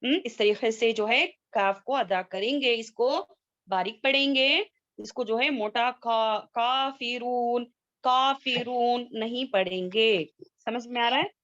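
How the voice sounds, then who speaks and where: A woman teaching Quran recitation in an online class, asking students questions and slowly drilling sounds. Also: fairly high pitch, a bit bright, dry recording. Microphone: video call. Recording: dull lo-fi video call audio.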